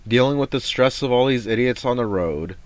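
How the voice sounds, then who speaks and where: A man's voice: mid-range voice, animated, a little fast, no echo. A man venting in a rambling vlog monologue, frustrated, swearing and restarting his sentences. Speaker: vlogger.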